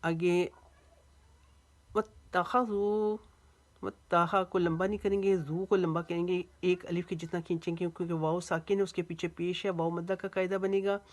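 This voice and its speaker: A woman with an Urdu accent teaching Quran recitation step by step, drawing each word out slowly and then explaining it briskly. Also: fairly low pitch, flat delivery, darkish tone.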